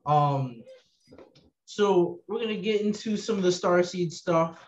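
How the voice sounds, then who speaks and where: Halting man hosting a podcast. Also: high voice, dull audio. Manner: halting, many fillers and restarts. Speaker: podcast host. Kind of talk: casual podcast chat.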